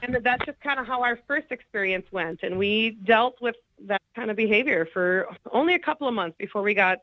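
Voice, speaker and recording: A woman's voice: on the high side, expressive, a little fast, no echo, lo-fi sound. A woman calling in to a radio show, telling her story plainly and candidly with some hesitations. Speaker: caller, former client. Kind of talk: phone-in interview. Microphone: phone line.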